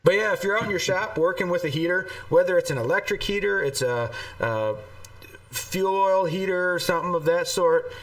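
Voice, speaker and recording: A man chats on a live podcast, rambling and breaking into laughter between thoughts. His voice sits a touch high and sounds set back from the mic, and the whole signal carries an echoey, roomy ring from the call line. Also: a little fast, fairly bright tone. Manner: rambling, laughs often, trails off with "um". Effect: echoey, roomy sound over an online call. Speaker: podcast co-host. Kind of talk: casual live podcast chat. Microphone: desktop USB microphone through a mixer. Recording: distant echoey call audio.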